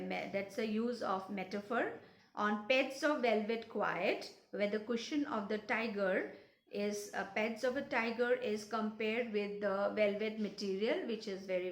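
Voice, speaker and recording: A woman with a fairly high voice teaches a poetry lesson, patiently spelling out words letter by letter and going over each point again. The sound carries a noticeable echo of the room around her. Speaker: English teacher. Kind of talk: explaining a poem's literary devices.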